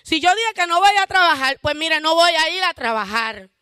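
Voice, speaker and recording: A woman's voice: very high-pitched, lively intonation, a little fast, dry recording, studio quality. A woman giving a fervent church testimony, calling out hallelujahs. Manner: self-described loud shouter.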